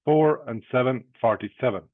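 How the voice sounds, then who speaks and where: Irish bingo caller, thin phone-like sound. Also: male voice, mid-range voice, moderate pace, no room sound. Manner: repeats each number, digits first then whole. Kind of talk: bingo calling, chanting numbers with traditional rhymes.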